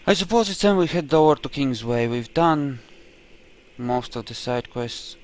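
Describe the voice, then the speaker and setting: Expressive and a little slow, a man's mid-range voice carries casual commentary over his roleplay playthrough of a game. He wanders from thought to thought, musing aloud as he plays.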